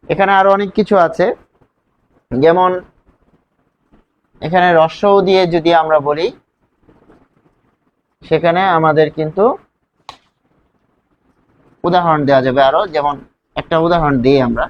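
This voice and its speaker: A man's voice: fairly high pitch, fairly even intonation, measured pace, pauses often, lo-fi sound. A man teaching a grammar lesson, explaining step by step and asking his students questions as he goes. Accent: Bangladeshi Bengali.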